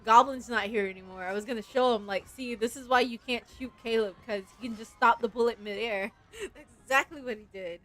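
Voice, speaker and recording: This female game streamer talks briskly with few pauses, her voice on the high side and a bit bright. Over game music, she chats casually and reads the story aloud in a playful, giggly fan manner.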